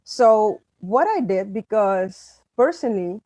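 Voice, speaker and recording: Being interviewed as an author, this middle-aged woman from Suriname, whose first language is Dutch, talks with emphasis and frequent restarts. She speaks slowly and expressively at medium pitch in a mellow tone, with no room sound but rough audio quality.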